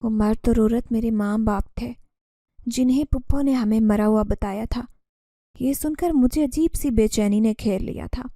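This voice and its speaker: Storyteller: woman, first-person horror narration, mellow and dry close sound. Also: a little high, moderate pace, dry recording.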